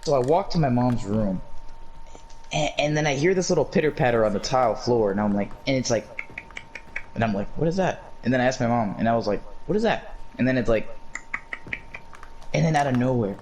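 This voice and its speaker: A man's voice: medium pitch, fairly quick, pauses often, a little mellow. A young man telling a funny story in casual chat, profane and laughing often. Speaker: podcast co-host, storyteller. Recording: noisy recording.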